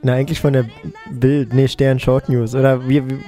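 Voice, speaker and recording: Over soft background music, a male radio co-host reads quirky news items in a mid-range, level voice with a dark tone at normal speed. It's casual, joking news reading, and he follows each item with a dry, ironic aside.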